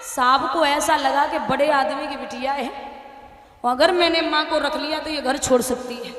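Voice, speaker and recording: A woman storyteller tells a devotional katha in an emotive way. Her voice is high and bright. A hall adds echo and a long reverb tail. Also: steady tone, moderate pace. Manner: emotive, addresses listeners as maharaj.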